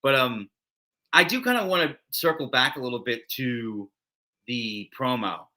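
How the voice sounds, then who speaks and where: A man's voice: medium pitch, lively intonation, unhurried, sharp tone. A man co-hosting a wrestling recap show, chatting casually and rambling with many fillers and restarts. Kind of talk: casual podcast chat.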